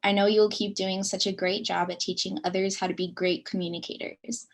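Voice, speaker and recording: A woman's voice: medium pitch, level tone, fairly quick. A young woman speech pathology student, upbeat and encouraging in a tribute speech.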